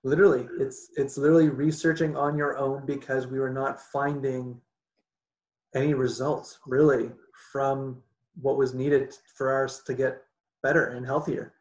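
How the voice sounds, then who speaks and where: A man's voice: mid-range voice, level tone, normal speed, darkish tone. A Canadian man from Canada, a podcast guest talking in casual interview chat, restarting sentences and laughing often. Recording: roomy echo.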